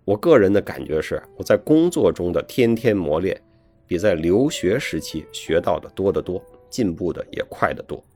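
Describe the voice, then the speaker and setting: A man's voice: sits low, lively intonation, normal speed. A man giving friendly, folksy advice to young learners in a chatty, scripted talk. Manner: chatty, folksy, adds friendly tag questions. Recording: soft piano music behind the voice.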